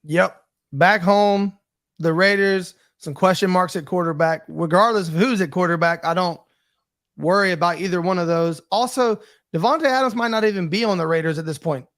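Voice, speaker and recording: A man with a notably high voice co-hosts a casual sports podcast. He delivers his picks in a steady, matter-of-fact way. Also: normal speed. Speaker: podcast co-host.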